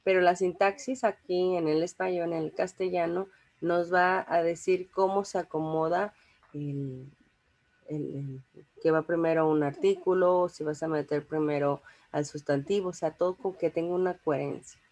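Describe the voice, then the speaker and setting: A woman's voice: fairly low pitch, steady tone, normal speed, a little mellow. A young woman giving an informal language lecture, chatty and full of fillers, often checking in with her listeners. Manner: conversational, many fillers and restarts, checks in with listeners. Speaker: teacher.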